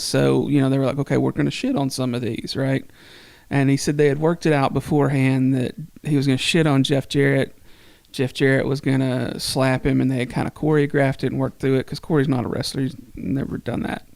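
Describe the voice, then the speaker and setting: A man's voice: medium pitch, gravelly, darkish tone, no room sound. A middle-aged man, co-hosting a podcast and telling a long rambling story with plenty of swearing. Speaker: podcast co-host. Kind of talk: casual chat.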